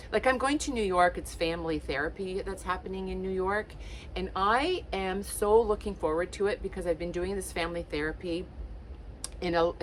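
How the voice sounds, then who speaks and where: This low-pitched woman in her late fifties, originally from Portugal, is a lifestyle vlogger talking casually to camera. The recording is low quality, with a little hiss or hum. She offers chatty, warm-hearted encouragement peppered with ums, likes and other fillers.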